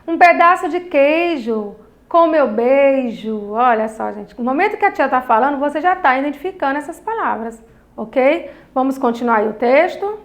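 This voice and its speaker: A woman with a high, bright-toned voice leads a lesson for young children. She talks in a sing-song teacherly way and slows right down to stretch out each line of verse as she reads it aloud. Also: animated. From Brazil. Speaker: primary school teacher. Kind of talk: online class for children.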